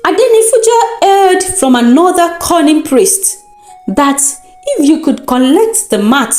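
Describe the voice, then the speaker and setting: A Nigerian storyteller recounts a folktale in a fairly high, highly animated voice, unhurried and shaping each part with deliberate, dramatic expression. The recording echoes around the room, and music plays beneath her.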